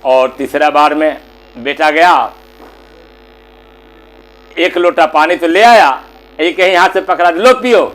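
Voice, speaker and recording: A man telling a devotional moral story in slow, short, plain phrases. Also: on the high side, fairly even intonation, fairly bright tone, poor audio. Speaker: religious storyteller.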